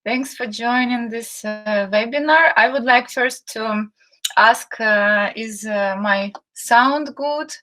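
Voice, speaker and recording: A Ukrainian woman, a marketing and sales manager, hosts a live online webinar in English through a computer mic. Her voice is bright and a little high; she speaks slowly, often pausing on "uh" as she greets viewers and reads their chat messages aloud in a friendly manner.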